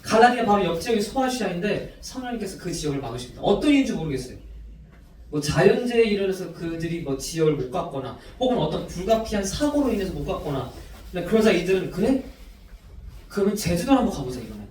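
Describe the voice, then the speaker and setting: Young male youth pastor, high voice, sermon to teens, echoey room, mic far off. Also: fast talker, slight background noise. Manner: animated, quizzes listeners with questions. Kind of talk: sermon to teenagers. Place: church worship room.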